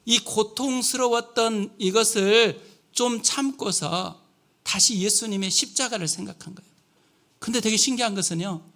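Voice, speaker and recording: A man with a high, bright, ringing voice preaching in a church. He tells a personal story vividly and keeps turning to the congregation with questions. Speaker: guest pastor. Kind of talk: sermon. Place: church sanctuary.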